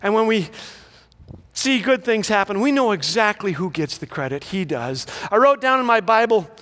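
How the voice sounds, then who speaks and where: A man's voice: sits high, expressive, moderate pace, a bit bright. A middle-aged man giving a humorous, inspirational graduation speech, telling stories with comic timing. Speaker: graduation speaker. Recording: echoey hall reverb.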